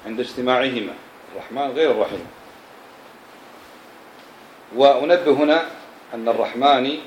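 A man gives a classroom lesson on scripture in an echoey room. His voice sits in the middle register, and faint room noise is heard behind him. He keeps stopping to check understanding with quick questions to the class. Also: medium pitch, darkish tone. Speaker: religious teacher.

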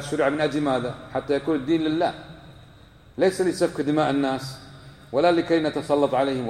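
In a hall full of lingering echo, a religious teacher with a somewhat mellow mid-range voice gives a lesson to a live class. He keeps quizzing the listeners and repeats the main points for emphasis.

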